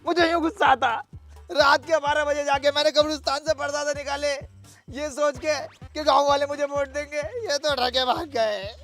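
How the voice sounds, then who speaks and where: A man playing a village election candidate in a rustic comedy sketch, coaxing and calling out loudly to the villagers. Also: very high voice, steady tone, normal speed, faint music behind.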